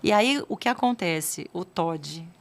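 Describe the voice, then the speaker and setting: A woman's voice: on the low side, animated, slow. Woman acting out family dialogue. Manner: acts out quoted dialogue with children and parents. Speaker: parent educator, podcast guest. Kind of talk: casual interview talk.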